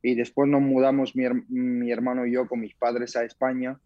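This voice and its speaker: A young man from Spain, a guest fighter answering interview questions in a calm, modest way. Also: medium pitch, moderate pace, no room sound, muffled recording.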